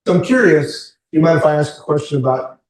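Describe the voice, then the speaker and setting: A man's voice: on the high side, lively intonation, fairly quick. A man in his sixties leading a career workshop, talking candidly with the group and asking them questions. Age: 60s. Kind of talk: informal group talk. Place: meeting room with a group. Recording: echoey room, mic far off.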